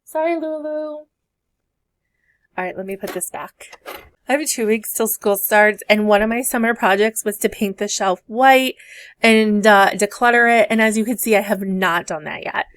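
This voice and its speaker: Working through savings challenges on her vlog, a woman who teaches talks casually and thinks out loud. She's a budgeting vlogger with a medium-pitched, slightly bright voice at a normal speed.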